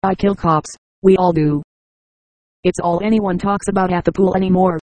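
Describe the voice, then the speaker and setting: Brief: narrator doing a restless, sardonic teen girl in an audiobook, flat and dry. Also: on the low side, moderate pace, no room sound, lightly acted, low-quality recording.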